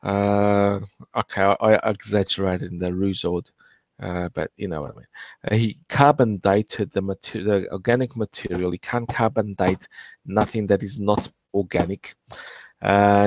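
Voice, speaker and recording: A man with a lowish, darkish voice hosts a casual archaeology live stream, rambling with lots of fillers and restarts. He swears freely and jokes with his chat, and the audio has no room sound.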